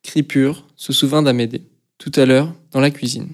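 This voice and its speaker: A man reading a novel aloud as narrator, in a measured, steady storytelling manner. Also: mid-range voice. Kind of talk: audiobook reading.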